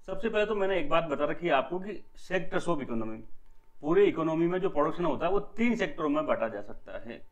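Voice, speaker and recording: A man's voice: a little high, rough recording. A young man hosting a daily economics news lesson, addressing viewers as friends and repeating key points with rhetorical questions. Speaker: economics teacher and channel host.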